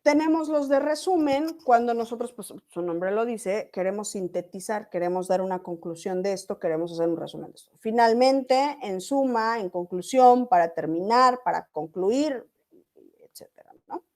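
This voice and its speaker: A woman's voice: mid-range voice, moderate pace, a little mellow. A woman teacher, explaining a lesson step by step to an online class and often checking in with her students.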